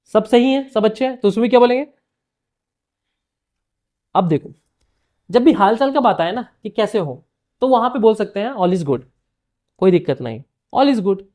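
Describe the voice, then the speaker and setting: A man's voice: sits high, expressive, moderate pace, long pauses, darkish tone. A man teaching an English grammar lesson to a class in Hindi, often quizzing students by name and checking they understand.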